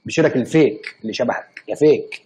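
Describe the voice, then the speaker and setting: Brief: young Egyptian male streamer, quick and husky, mellow tone, mock-angry teasing. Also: medium pitch, poor audio. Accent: Egyptian Arabic. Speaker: livestream host. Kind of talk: casual live-stream chat.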